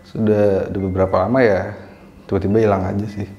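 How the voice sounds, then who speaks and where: A young man tells his story in a relaxed, rambling, slangy way. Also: lowish voice, quick pace, lo-fi sound, slight background noise. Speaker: interviewee. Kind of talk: casual storytelling answer.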